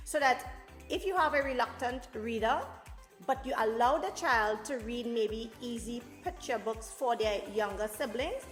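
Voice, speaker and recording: Hosting a children's storytime show, a woman with a slightly high voice speaks directly and encouragingly to parents and kids. The room has an echo, and faint music plays.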